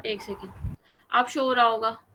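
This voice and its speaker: A woman's voice: a little high, steady tone, a little slow, bright, forceful tone. A woman teaching an online Chinese class, patiently drawing out each sound as she demonstrates it. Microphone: video call.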